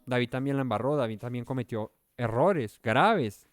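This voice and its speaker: A man's voice: mid-range voice, expressive, moderate pace, no echo. Earnest man teaching a Bible study. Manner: earnest, explanatory, pressing key points with rising emphasis; self-correcting, searching for words aloud.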